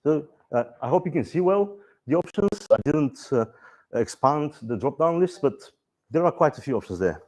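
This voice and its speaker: This conference presentation on software features comes from a man with a Bulgarian accent whose pitch is fairly high and pace normal. His delivery is relaxed with dry humor, peppered with fillers and restarts.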